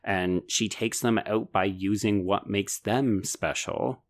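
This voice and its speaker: A man with a lowish voice co-hosts a podcast. He talks through a book in a relaxed but eager and analytical way. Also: slow. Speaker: podcast co-host. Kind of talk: casual book discussion.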